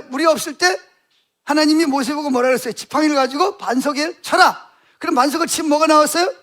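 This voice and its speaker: A man's voice: extremely high pitch, fairly bright tone. A male pastor preaching a sermon, telling the story with constant rhetorical questions to the congregation.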